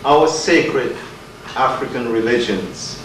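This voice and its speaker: Picked up from across a big, heavily reverberant hall over constant noise, a Guyanese man opens a community lecture by introducing the speaker. He sounds set back from the microphone, speaking slowly at medium pitch with earnest, rhetorical weight.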